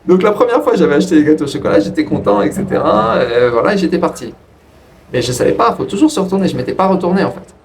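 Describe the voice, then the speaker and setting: A man's voice: fast talker, creaky. A man casually telling a personal story to his viewers in a rambling way, with frequent restarts. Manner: rambling, restarts, lively pitch jumps. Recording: distant from the mic with faint ambient noise.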